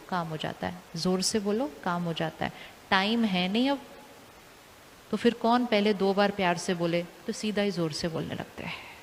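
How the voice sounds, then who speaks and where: Casting: woman, calm spiritual teacher, asks the audience questions again and again, long hall reverb, faint hiss. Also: mid-range voice.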